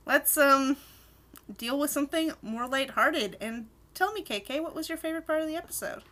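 A woman's voice: high voice, normal speed. A woman co-hosting a podcast, chatting casually and with enthusiasm as she reviews a cartoon episode and steers the talk. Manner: animated, enthusiastic, leads the conversation. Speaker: podcast co-host.

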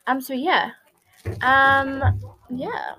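A woman's voice: sits high, extremely slow, creaky. A teenage girl with a New Zealand accent, co-hosting a casual podcast and chatting with lots of fillers. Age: teens. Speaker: podcast co-host. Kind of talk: casual chat.

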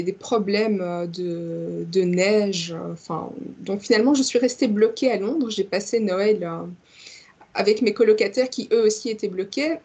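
A woman's voice: medium pitch, a little mellow, husky. A woman who is a podcast guest, talking at length in a chatty, expansive way with many small restarts. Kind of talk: casual podcast conversation.

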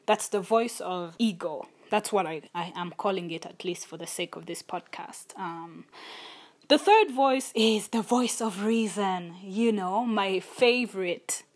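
Talking a little slowly in a mid-range voice, a young woman reflects alone on her podcast. Her manner is sincere, considered, and candidly personal.

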